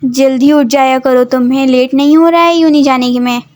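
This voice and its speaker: A woman's voice: high-pitched, fairly even intonation, moderate pace, darkish tone, close to an everyday voice. A woman doing a fussing nagging mother. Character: fussing mother of a grown son.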